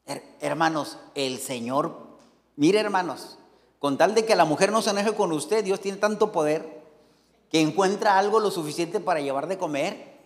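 A man with a Mexican accent preaching a fervent sermon as pastor, calling out to his brothers and sisters with lively asides. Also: on the high side, normal speed. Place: church hall. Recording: long hall reverb.

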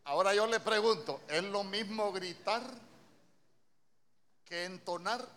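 Male preacher, Honduran accent, fairly high voice. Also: a little slow, bright, forceful tone. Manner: conversational, asks the congregation questions. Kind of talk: sermon. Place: church.

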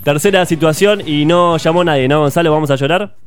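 A man's voice: on the high side, a little fast, soft background music. A man with a Rioplatense Spanish accent hosting a comedic radio show, playfully setting up absurd quiz scenarios. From Argentina. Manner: playful, quizmaster storytelling. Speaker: radio host. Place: radio studio.

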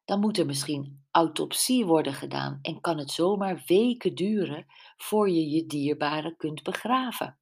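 Lady doing hushed sensible friend, half whisper, husky, audiobook. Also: low-pitched, a little slow, heavily acted.

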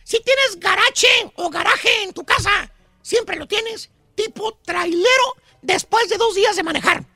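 Squeaky, gravelly radio comic. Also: male voice, animated, a little slow, bright, forceful tone, faint music behind. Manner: brash, teasing, calls listeners "caballo" and "perro". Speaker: radio comedy host.

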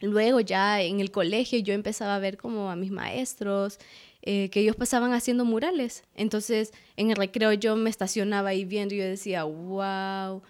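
A woman's voice: mid-range voice, a little fast. A young adult woman, a guest artist, telling her story in a casual interview and acting out her past words. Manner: animated, acts out her own past words.

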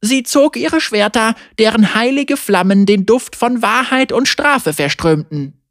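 A woman reading a fantasy story aloud in a measured, expressive narrating voice. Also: on the high side, dry recording, studio quality.

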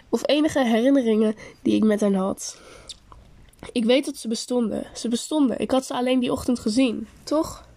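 A woman reading a first-person story aloud in a steady, unhurried way with pauses. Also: fairly high pitch. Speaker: story narrator.

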